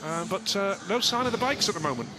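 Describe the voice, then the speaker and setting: A man commentating live on a race in an excitable motorsport commentator's delivery. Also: high-pitched, quick pace, low-quality recording. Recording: clear background noise.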